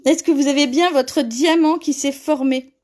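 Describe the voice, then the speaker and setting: High-voiced chatty Frenchwoman hosting a live craft tutorial. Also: fairly even intonation, normal speed, darkish tone. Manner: chatty, laughs often while reading comments. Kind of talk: live craft tutorial, reading viewer comments.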